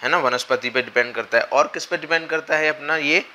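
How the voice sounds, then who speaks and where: A young exam coaching teacher speaks at a whiteboard, his somewhat high voice a little hoarse from a cold that hasn't quite cleared. He sounds bright and forceful, explaining each point patiently and hesitating often to check that students are keeping up. His lapel mic catches a faint hiss from the classroom.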